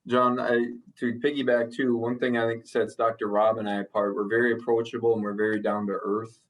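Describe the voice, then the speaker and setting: A man's voice: mid-range voice, flat delivery, fairly quick, rough recording. A man, a chiropractor guest in an interview, speaking in a plain, earnest way. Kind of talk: casual interview chat.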